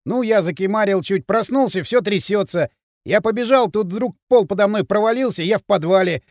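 A man's voice: high-pitched, sing-song, a little fast, dry recording, studio quality, pitched above the performer's own voice. A man doing a panicky young gang leader. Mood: scared. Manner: panicky, excuse-making. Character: frightened young male gang leader, stammering.

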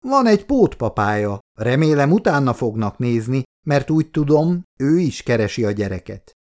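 A man reading an audiobook, voicing a kindly old man who talks gently to a little girl. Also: mid-range voice, big pitch swings, close to an everyday voice. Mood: gentle. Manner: gentle, coaxing.

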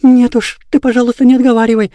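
A woman's voice: flat delivery, fast talker, mellow, no room sound, close to an everyday voice. A woman reading aloud voices a tearful, remorseful schoolgirl who sobs and pleads. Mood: secretive. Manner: sobbing, high and pleading. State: crying.

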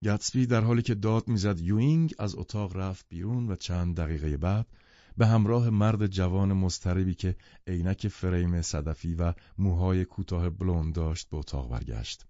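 A man reading a novel as an audiobook narrator in measured, even storytelling. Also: low-pitched, no echo. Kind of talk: scripted literary narration. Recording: dull lo-fi studio recording.

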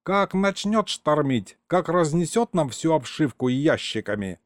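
A man's voice: on the high side, very animated, measured pace, no room sound, pitched above the performer's own voice. A man voicing a grumpy older grandfather who keeps the ship's stores and grumbles bossily. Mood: grumbling. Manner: grumbling, bossy.

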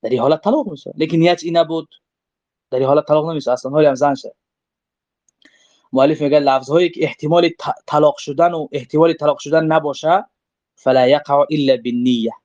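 A man's voice: fairly high pitch, steady tone, a little mellow, no echo. A male religious teacher speaks in a slightly raised voice, reading brief Arabic lines and then unpacking them in plain everyday talk. The recording is close and dry, with a dull, lo-fi sound. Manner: reads short Arabic passages, then explains them conversationally with examples. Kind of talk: explaining a legal text line by line.

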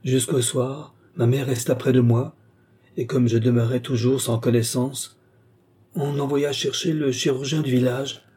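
A man voicing a young woman in a trance who speaks in a flat monotone, read in an audiobook. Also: mid-range voice, measured pace, husky, voice pushed up. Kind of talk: audiobook character reading.

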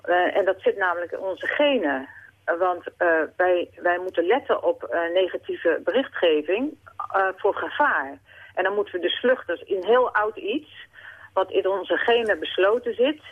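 A woman's voice: on the low side, lively intonation, normal speed, husky. Woman calling in on a phone line. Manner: earnest, with many fillers and restarts. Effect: phone-line caller to a radio show. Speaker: caller. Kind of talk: late-night radio call-in chat.

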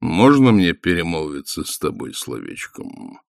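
An ancient, solemn Death speaks in a deep, hollow voice, as a man voices him for an audiobook, each word slow and weighty. The recording is dry and close. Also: very animated, vocal fry, no room sound, exaggerated voice. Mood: grave. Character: Death, ancient skeletal male, grave and solemn. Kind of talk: audiobook character voice.

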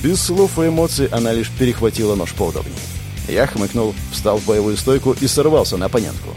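A man's voice: fairly low pitch, lively intonation, quick pace, over music. A man reading a first-person audiobook in a tense, gritty storytelling manner. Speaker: audiobook narrator.

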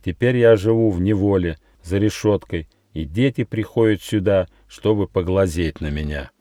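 A man voicing a proud, bitter female wild dog held captive, speaking slowly and with heavy emphasis. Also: sits low, dark tone, no room sound, clean studio sound, close to an everyday voice. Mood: mournful. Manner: scornful, slow and emphatic.

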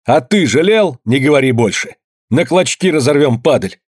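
A man voicing a grieving, furious young village woman who wails a folk lament and shouts shrilly. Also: mid-range voice, lively intonation, moderate pace, breathy edge, no echo, studio quality, voice pushed up.

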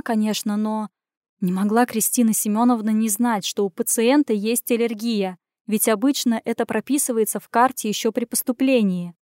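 A woman reads a tense first-person story aloud in a fairly high voice, acting out the dialogue with expression. The recording is close and dry, with no room sound. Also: a little mellow, no echo.

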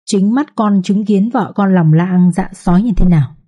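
A woman voicing a cold, domineering older matriarch who speaks slowly and hisses through her teeth. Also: mid-range voice, mellow, husky, muffled recording, natural voice.

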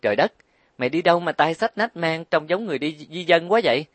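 A man's voice: mid-range voice, expressive, a little fast, no echo, lightly acted. A man reading an audiobook, voicing a blunt, outspoken young woman who scolds and exclaims. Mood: surprised.

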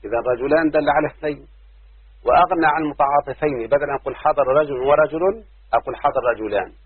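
A man lectures on grammar, going through each rule patiently and repeating the main points. His voice has a husky edge, and the recording is dry and narrow, like it came over a phone line. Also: medium pitch, no echo. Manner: explains step by step, repeats key rules and quoted examples. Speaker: grammar teacher. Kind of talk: classroom lecture.

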